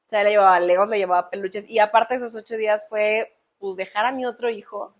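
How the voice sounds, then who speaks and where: A woman with a Mexican accent, co-hosting a podcast, tells an emotional personal story in a lively way and acts out the voices she quotes. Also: medium pitch, a little fast, lo-fi sound. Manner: animated, acts out quoted voices, frequent fillers. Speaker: podcast co-host.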